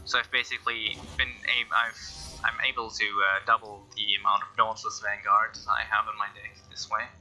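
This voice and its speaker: A man's voice: fairly low pitch, level tone, moderate pace, hardly any pauses, bright, forceful tone, soft background music, low-quality recording. A man giving casual game commentary, thinking aloud in a hesitant way. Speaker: gameplay commentator.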